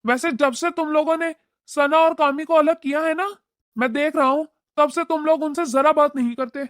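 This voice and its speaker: A woman voicing a calm, fair-minded middle-aged father-in-law in a cartoon, speaking in a measured, reasoning way. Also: sits high, no room sound, studio quality, lightly acted. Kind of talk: cartoon voice acting.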